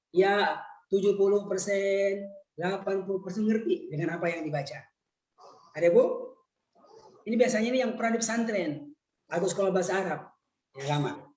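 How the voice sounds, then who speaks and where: A man teaching a Quran lesson in an online webinar, putting questions to his listeners and slowing right down when he recites. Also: high-pitched, a little mellow, echoey room. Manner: questions the audience, slow drawn-out recitation. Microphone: video call.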